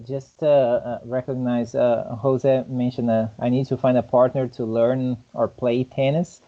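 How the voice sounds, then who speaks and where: A man's voice: medium pitch, level tone, a little slow, phone-quality sound. A man chatting casually in an online meetup, explaining his ideas in long, rambling turns. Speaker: meetup participant. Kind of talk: casual chat.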